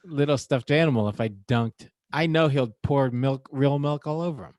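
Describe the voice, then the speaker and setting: A man in his thirties talks casually as a podcast co-host, loose and joking with plenty of swearing. His voice sits at a middle pitch and sounds close and dry, with no room behind it. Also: normal speed, a little mellow, no echo. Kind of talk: casual chat. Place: home.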